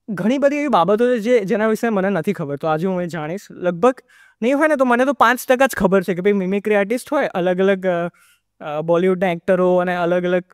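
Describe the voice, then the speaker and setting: A man's voice: sits high, clean tone, no room sound, clean studio sound. A man hosting a podcast interview, asking open questions and slipping English phrases into his talk. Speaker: podcast host.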